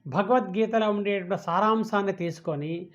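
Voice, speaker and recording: A man's voice: high voice, normal speed. A man giving a spiritual discourse, asking questions and answering them himself. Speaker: spiritual teacher. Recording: dull lo-fi audio.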